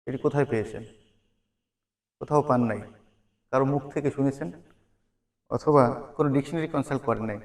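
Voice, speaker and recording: A man's voice: mid-range voice, a little fast, pauses often, darkish tone. A man teaching a vocabulary lesson. He repeats each word and its meaning as a drill, and he asks questions and then answers them. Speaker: English teacher.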